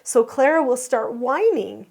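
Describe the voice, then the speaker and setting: A woman's voice: fairly high pitch, lively intonation, measured pace, vocal fry, a little mellow. Earnest woman explaining parenting. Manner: earnest, explanatory, asks viewers questions. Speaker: host and parenting teacher. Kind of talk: explaining a home video to viewers.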